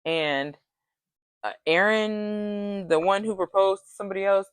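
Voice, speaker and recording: A woman's voice: mid-range voice, unhurried, clear, resonant tone, dry recording. A woman recapping a reality show in a casual, chatty vlog, with lots of "like" and retold dialogue. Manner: chatty retelling, full of "like" and quoted dialogue.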